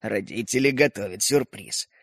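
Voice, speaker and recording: A man voicing an old grandfather in a storybook, gruff but kind, speaking low and measured. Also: dry recording, clean studio sound. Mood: gruff, confiding.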